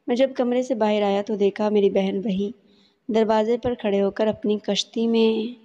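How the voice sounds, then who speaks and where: A woman storyteller narrating a novel in a steady, even reading voice, and addressing her listeners as the channel host. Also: mid-range voice. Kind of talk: scripted audio novel narration. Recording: dull lo-fi audio with long reverb.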